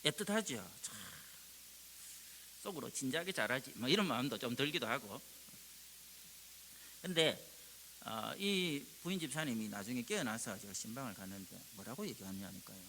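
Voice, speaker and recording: A male pastor, delivering a sermon and acting out prayers with sudden rises in pitch and volume. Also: animated, normal speed, long pauses, bright, forceful tone. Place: church sanctuary. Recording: long reverb with faint hiss.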